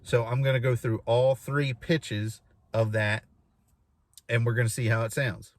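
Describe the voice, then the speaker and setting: Man in his thirties, informal instructor, explanatory delivery, repeats key phrases, medium pitch, close dry cabin sound. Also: little pitch movement, a little slow, dry recording. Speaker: goose calling instructor. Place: inside a parked vehicle.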